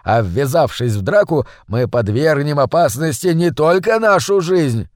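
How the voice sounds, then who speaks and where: A man's voice: a little high, lively intonation, a little slow, a little mellow, dry recording, studio quality. A man voicing a grumpy, cautious small brother who grumbles and wants to flee. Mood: grumbling. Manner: grumbling, pessimistic.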